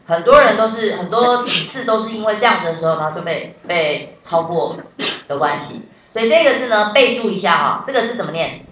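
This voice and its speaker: A woman's voice: on the low side, bright, forceful tone, distant mic. Woman teacher in an echoey classroom. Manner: explains step by step, quizzing students. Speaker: English teacher. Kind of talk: classroom lesson.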